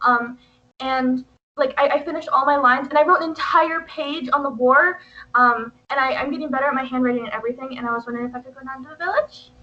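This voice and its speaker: An eager young daughter, as a woman plays her, high and bright-voiced, stammering and repeating herself as she asks. The sound is dull and lo-fi. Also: fairly even intonation, quick pace. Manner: hesitant, stammering, repeating words.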